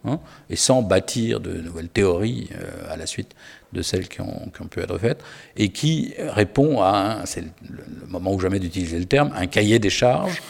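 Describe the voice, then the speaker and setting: A man's voice: sits low, expressive, normal speed, creaky, a little mellow, breathy edge, long reverb tail. A man talking about literature as an editor, hesitant, with many fillers and restarts. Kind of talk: spoken literary discussion.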